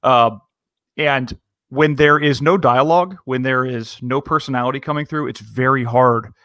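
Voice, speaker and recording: Earnest recruiter man, halting restarts. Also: mid-range voice, a bit bright, dry recording. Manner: earnest, many restarts and repeated words. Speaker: podcast co-host and recruiter. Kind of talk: casual podcast conversation.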